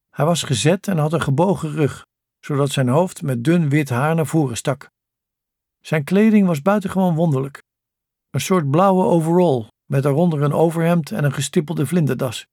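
A man narrating a novel as an audiobook in calm, even scripted storytelling. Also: on the high side, dry recording, clean studio sound.

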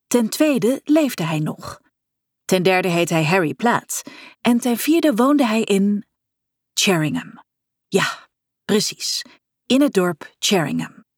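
A woman narrating a story in a breathy voice, with wry, expressive delivery. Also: mid-range voice, dry recording, clean studio sound. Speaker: audiobook narrator.

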